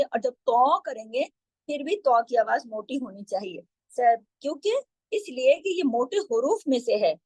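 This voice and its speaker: A woman teaching tajweed, explaining patiently and drawing out syllables slowly when she demonstrates. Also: on the high side, no room sound, rough recording. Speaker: Quran recitation teacher.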